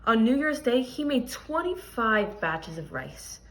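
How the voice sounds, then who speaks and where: With a voice on the high side, a woman reads a picture book for children as a teacher would. She is expressive and careful, emphasizing important words and pausing for explanatory asides.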